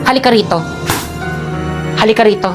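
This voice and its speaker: Actress as a harsh, bullying, high-voiced mother. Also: normal speed, close to an everyday voice. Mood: cold, harsh. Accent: Filipino. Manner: barking scolding orders. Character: harsh, bullying mother, cruel to her child. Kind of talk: Filipino television drama acting. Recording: music under dialogue.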